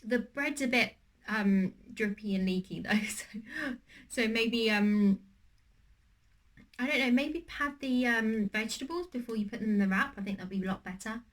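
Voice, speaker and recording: Slightly wheezy from a cold, this young vlogger talks at a normal speed in a fairly high voice. She's rambling through a casual cooking and eating video, full of ums and false starts.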